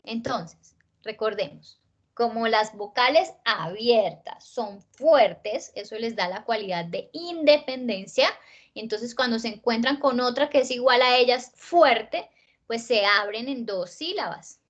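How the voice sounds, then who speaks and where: A woman teacher with a Colombian accent giving an online spelling lesson, slowing down to stress words and often checking in with her listeners. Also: on the high side, lively intonation, muffled recording. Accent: Colombian Spanish.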